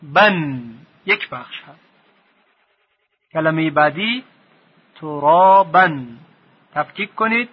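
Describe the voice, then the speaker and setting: A man teaching a recorded lesson on Quran recitation, speaking slowly, repeating his definitions and drilling sounds aloud. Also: a little high, animated, dull audio.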